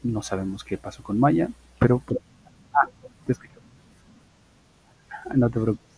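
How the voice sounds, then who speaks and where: A male English teacher, giving an online university class and slowly repeating example phrases for his students. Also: mid-range voice, expressive, vocal fry, breathy edge, low-quality recording.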